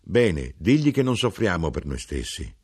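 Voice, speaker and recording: A man's voice: low-pitched, sing-song, normal speed, darkish tone, breathy edge, exaggerated voice. A man voicing a small, sorrowful old hermit who writes about the world's pain, speaking solemnly in an audiobook. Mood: solemn lament. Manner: solemn, grieving, preaching. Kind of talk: audiobook reading.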